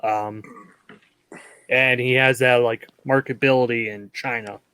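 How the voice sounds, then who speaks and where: A man's voice: medium pitch, steady tone, a little slow, pushed and bright, clean tone. A man hosting a casual movie review podcast, chatty and giggly with lots of fillers. He leads the talk and asks the others for their picks. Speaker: podcast host.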